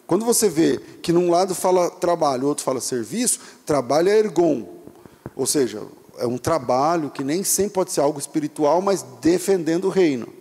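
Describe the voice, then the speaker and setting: A man with a Brazilian Portuguese accent preaching a sermon as pastor, animated and speaking directly to his listeners. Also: a little high, slightly rough, long reverb tail.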